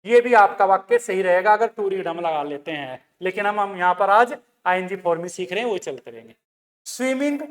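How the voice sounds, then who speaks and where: Teacher in an echoey room. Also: male voice, high voice. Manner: explains step by step, repeating words, calls students "bhai" and "beta". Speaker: English grammar teacher. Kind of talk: classroom grammar lesson.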